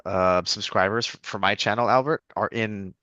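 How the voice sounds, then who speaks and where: A man's voice: on the low side, moderate pace, pushed and bright, no room sound, highs cut off. A man chatting casually with a webinar host, curious and asking questions. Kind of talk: casual chat.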